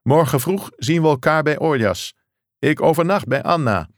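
A man's voice: fairly high pitch, animated, moderate pace, dry recording, studio quality, pitched above the performer's own voice, lightly acted. A man voicing an urgent caller on a distant phone line, speaking in clipped, raised phrases, in an audiobook reading. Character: adult male caller from a remote outpost.

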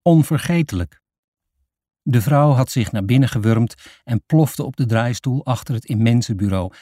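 Mellow-voiced male audiobook narrator. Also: medium pitch, normal speed, dry recording, clean studio sound. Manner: steady storytelling reading.

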